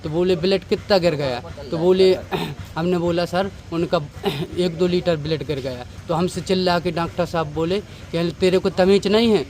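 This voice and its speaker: A man's voice: a little high, fairly even intonation, moderate pace, few pauses, a little mellow. A young man from central India angrily recounting events to a reporter, calling him sir. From Damoh district, India. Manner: urgent, aggrieved, repeatedly addressing the reporter as sir. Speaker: bereaved family member. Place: outdoors at a hospital at night. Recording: outdoor street noise.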